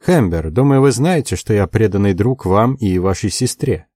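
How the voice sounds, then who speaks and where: A man's voice: lowish voice, animated, normal speed, warm tone, no room sound, studio quality. A male audiobook reader voicing a devoted young man who speaks in a resolute, earnest way. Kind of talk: audiobook character voice.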